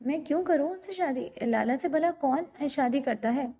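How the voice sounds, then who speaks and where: Woman narrator doing a timid young bride-to-be, high, soft and pleading. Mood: upset. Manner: pleading, tearful. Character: frightened stubborn young woman.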